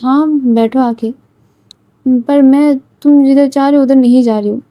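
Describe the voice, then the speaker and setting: A woman narrator voicing a strict young teacher in a spoken Hindi storybook, firm and scolding, with a high, mellow voice. It is recorded close and dry. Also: steady tone, a little slow, dry recording. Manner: scolding, stern. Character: strict young female teacher, easily flustered.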